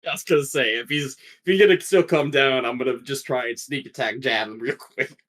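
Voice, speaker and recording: A man's voice: mid-range voice, fairly quick, fairly bright tone. A man playing a tabletop game, talking casually and hesitantly, with many fillers. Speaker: player.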